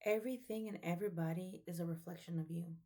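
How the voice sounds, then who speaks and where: A young woman talks earnestly to her viewers, her voice sitting a little low. She preaches in a casual, chatty way, with "like" and "um" scattered through her sentences. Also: steady tone, fast talker, warm tone. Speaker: vlogger. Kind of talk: casual motivational talk.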